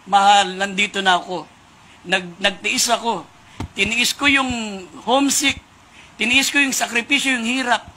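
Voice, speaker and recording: A preacher voicing a weary, wronged husband. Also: male voice, high-pitched, level tone, fairly quick, pushed and bright, slight background noise. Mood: tender.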